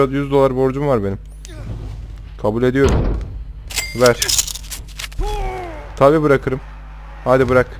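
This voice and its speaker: A man's voice: medium pitch, slight background noise. A young man commentating his own gameplay in casual talk, rowdy and swearing at the characters on screen. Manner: rowdy, swearing, trash-talking the game characters. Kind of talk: casual let's-play commentary.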